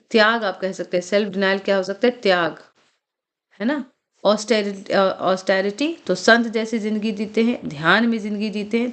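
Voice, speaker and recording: A woman with a mid-range voice teaches vocabulary in a recorded exam-prep lecture, explaining the terms in Hindi. She reads English passages very slowly, drills pronunciation word by word, and regularly checks in with her students through short questions.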